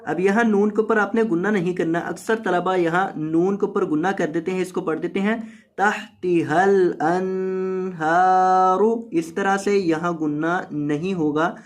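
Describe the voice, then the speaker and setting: A Quran tajweed teacher giving a word-by-word recitation lesson, spelling out letters and vowel marks and repeating each word, with slow drawn-out chanted recitation between quicker spoken explanations. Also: mid-range voice, fairly even intonation.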